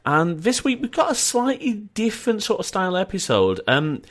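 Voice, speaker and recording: With a northern English accent from Yorkshire, this podcast host talks at a moderate pace in a high, fairly bright voice whose pitch swoops wildly. Over an internet call, he keeps the chat casual and rambling, full of jokey tangents.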